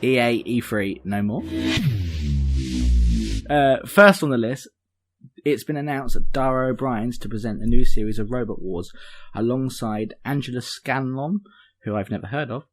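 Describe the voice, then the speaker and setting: A podcast co-host chats informally and reads news in a dry, joking manner, dropping the odd mild swear. He speaks at a medium pitch and moderate pace with long pauses, and faint music plays behind him.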